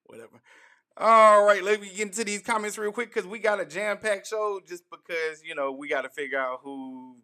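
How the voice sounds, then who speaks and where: A man's voice: high-pitched, normal speed, clear, resonant tone. A man co-hosting a casual sports podcast, leading the rundown with playful, joking banter. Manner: loud, playful banter, leads the show. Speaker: podcast co-host.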